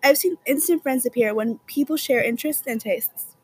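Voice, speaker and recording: A young woman as a guest on a scripted mock talk show, speaking earnestly and pausing to find her words. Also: high voice, breathy edge.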